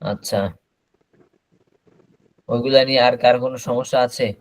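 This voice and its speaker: A man teaching an online class, explaining slowly and repeating words over a video call. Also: mid-range voice, little pitch movement, low-quality recording. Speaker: English teacher.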